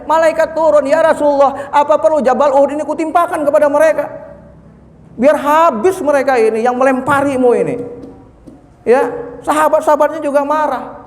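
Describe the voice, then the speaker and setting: Animated preacher in an echoey hall. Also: male voice, extremely high pitch. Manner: lively, animated, acts out quoted voices. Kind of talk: sermon.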